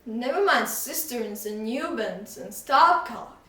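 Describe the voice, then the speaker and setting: A woman voicing a jolly, excitable male shopkeeper who stretches his words out for drama, in a storybook reading. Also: a little high, lightly acted. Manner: drawn-out, dramatic emphasis. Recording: echoey room, voice from far off.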